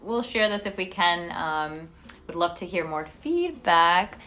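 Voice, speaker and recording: A woman's voice: lowish voice, sing-song, unhurried, sharp tone. A woman with a Colombian Paisa accent co-hosting a livestream, chatting casually with viewers in an effusive, giggly manner. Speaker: livestream co-host. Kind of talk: casual chat with live viewers. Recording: noisy livestream audio.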